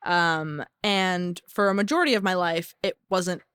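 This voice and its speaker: A twenty-two-year-old woman from the Bahamas, a singer-songwriter talking thoughtfully in an interview, with many fillers and pauses. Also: on the low side, fairly bright tone, clean tone, no room sound, clean studio sound. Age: 20s. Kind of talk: casual interview chat. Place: recording studio.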